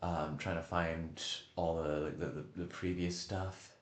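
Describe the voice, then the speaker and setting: Man, very low voice, casual livestream commentary, halting delivery, repeated words, roomy echo. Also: little pitch movement. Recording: echoey room.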